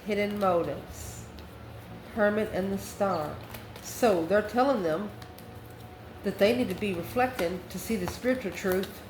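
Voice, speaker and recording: A medium-pitched woman who hosts a channel does an improvised tarot reading for her viewers, chatting in short phrases as though puzzling out each card aloud. Her voice echoes around the room over a faint layer of background noise.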